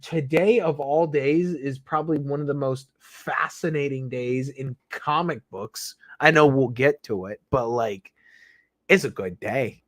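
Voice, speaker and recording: A man chatting as a returning guest on a stream, animated, swearing, with rambling restarts. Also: medium pitch, a little slow, dry recording, clean studio sound. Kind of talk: casual chat.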